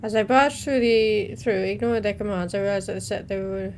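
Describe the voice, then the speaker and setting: Reading captions aloud and interjecting informally in between, a young adult woman hosts a casual reaction video from a small room at home. Her mid-range voice moves fairly quickly with fairly even intonation. Background noise is noticeable throughout.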